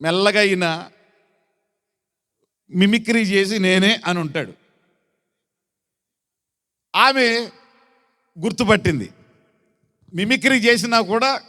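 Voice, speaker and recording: A man preaching as a bishop at a church service, reading scripture in a slow raised chant and questioning his congregation, with a Telugu accent from Andhra Pradesh. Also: high-pitched, fairly bright tone. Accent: Telugu-speaking, Andhra Pradesh. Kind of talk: sermon. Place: church hall. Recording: long hall reverb.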